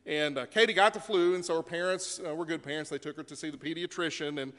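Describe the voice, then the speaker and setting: A male pastor with a high, bright, forceful voice delivers a sermon, easing into stories with a relaxed, conversational flow and the odd "uh." His words ring out with the long reverb of a church sanctuary. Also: fast talker. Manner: conversational storytelling with fillers.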